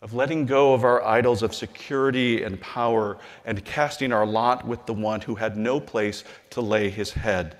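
A middle-aged man preaching from a lectern with a somewhat low voice. He speaks in a measured, earnest way and eases down gently on quoted scripture. His words ring out with a long hall reverb. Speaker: bishop. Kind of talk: sermon-style convention address. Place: large hall, at a lectern on a stage.

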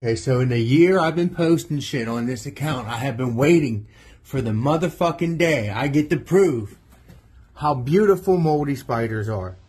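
A man narrating his own phone videos inside abandoned houses, crude and excitable, swearing constantly. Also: medium pitch, normal speed, husky. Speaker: social media creator. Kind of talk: profane vlog narration over phone clips.

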